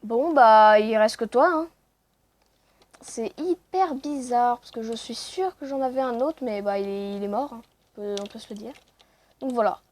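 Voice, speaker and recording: A woman with a somewhat high, darkish voice hosts a let's play, casually commenting on her own gameplay. She's chatty and pokes fun at herself, dropping "voilà" as a frequent filler.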